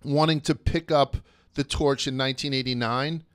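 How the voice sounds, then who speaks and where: A man's voice: mid-range voice, fairly even intonation, normal speed, a bit bright, clean tone, no room sound, clean studio sound. A man hosting a casual history podcast, chatty and crude, going off on tangents. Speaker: podcast host.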